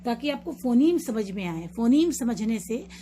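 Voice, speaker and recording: Woman teaching spelling, slow and patient. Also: fairly high pitch, big pitch swings, mellow, a little hiss or hum. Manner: explains patiently, repeats example words slowly. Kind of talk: online lesson mixing Hindi and English.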